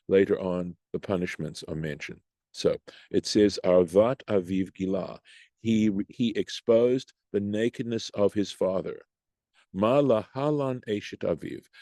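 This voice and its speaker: A man's voice: vocal fry, dark tone, no echo, clean studio sound. A man teaching a Torah study class on a video call, reading Hebrew phrases and translating them as he thinks aloud. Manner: rises in pitch when voicing the Talmud's questions. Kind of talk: online text study class.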